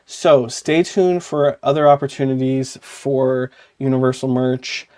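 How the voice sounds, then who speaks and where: A man's voice: medium pitch, steady tone, a little slow, a little mellow, clean tone. Chatty rambling man co-hosting a podcast. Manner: chatty and rambling, often saying "like" and correcting himself. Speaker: podcast co-host. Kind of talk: casual podcast chat.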